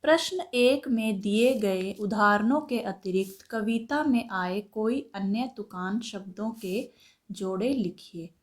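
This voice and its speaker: A woman teacher talks through a school textbook lesson at an unhurried pace. She reads lines aloud and then explains them word by word. Her voice sits at a middle pitch.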